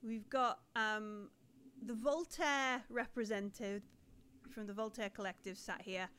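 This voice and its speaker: A woman narrating as game master of a tabletop role-playing game, in a relaxed way with fillers. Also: medium pitch, measured pace, clean tone.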